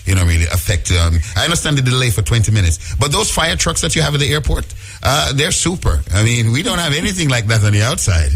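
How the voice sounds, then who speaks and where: Lively, joking radio host. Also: male voice, medium pitch, quick pace, breathy edge. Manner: playful, joking, animated. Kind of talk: casual radio talk.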